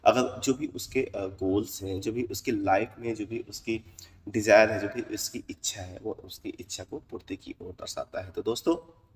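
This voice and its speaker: A man with a fairly low voice speaks in a measured, explanatory way, pausing now and then with "uh" as he walks his listeners through the meaning of a dream. He sounds set back from the mic, and a long echo rings around him as if he were in a bare room. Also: fairly even intonation, recorded from a distance. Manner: measured and explanatory, with frequent "uh" pauses. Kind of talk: explanatory talk to camera audience.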